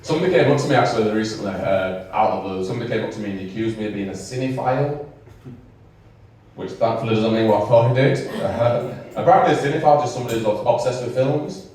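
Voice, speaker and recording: A man's voice: lowish voice, fast, a little mellow. Young guy doing stand-up, chatty and a bit sweary, very echoey room, mic a bit far off. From England. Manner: chatty, rambling, swears, teases the audience. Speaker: stand-up comedian. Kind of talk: stand-up set with crowd work. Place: small comedy venue with a live audience. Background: audience laughter.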